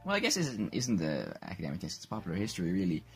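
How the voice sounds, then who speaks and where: A man's voice: low-pitched, huge pitch swings, quick pace, breathy edge, soft background music. A man co-hosting a podcast in casual, jokey chat, rambling with many fillers and restarts. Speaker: podcast co-host.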